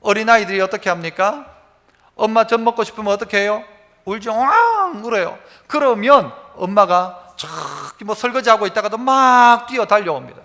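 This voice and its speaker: A man's voice: sits high, expressive, moderate pace, sharp tone, in a large hall. A male pastor, preaching a sermon in a church sanctuary in a conversational way, asking the congregation many questions.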